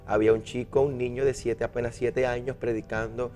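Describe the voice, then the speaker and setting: A young Puerto Rican man, a minister, telling his life story in an interview, earnest and halting with many restarts. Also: medium pitch, little pitch movement, mellow, faint music behind. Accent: Puerto Rican Spanish. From Puerto Rico. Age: young adult. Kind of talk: personal testimony interview.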